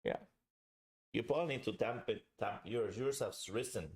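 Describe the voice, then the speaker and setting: A man's voice: medium pitch, moderate pace, slightly rough. A man hosting a casual live review and chat, talking directly to viewers in a chatty way. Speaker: livestream host and pipe reviewer.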